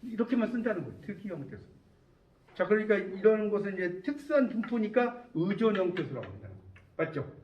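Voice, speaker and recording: With a high, sing-song voice and a quick pace, a man teaches a university class, often asking students whether they're keeping up. It's captured as a distant, echoey, dull classroom recording.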